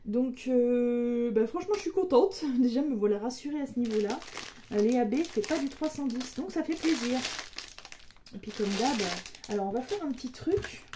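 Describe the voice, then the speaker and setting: A woman's voice: fairly high pitch, animated, normal speed, noisy background. A young woman chatting casually through an unboxing, playful and talkative, laughing often and joking around as she goes. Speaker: diamond painting vlogger.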